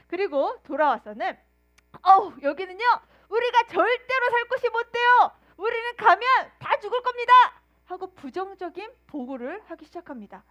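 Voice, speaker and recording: Very high, lively woman preacher telling a story to children and quizzing them. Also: muffled recording. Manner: animated storytelling, acting out quoted voices; asks the children questions. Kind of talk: children's sermon.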